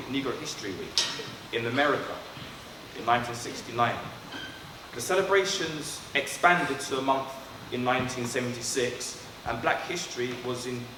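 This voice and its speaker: A man from London, born in Trinidad, leading a school assembly and speaking earnestly and directly to pupils. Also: mid-range voice. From born in Trinidad, raised in London. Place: school hall. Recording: echoey hall, far from mic, background noise.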